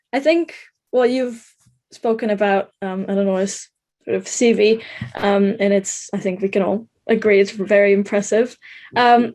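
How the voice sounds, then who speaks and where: Young student woman from slovenia doing interview questions, medium pitch, bit tentative. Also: darkish tone. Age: young adult.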